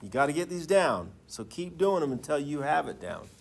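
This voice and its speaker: A man's voice: a little high, very animated, moderate pace, vocal fry. Man lecturing a class like a professor. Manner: informal, checks in often with the class. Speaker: chemistry teacher lecturing to a class. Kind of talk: classroom lecture with questions to students, like a professor in a lecture hall.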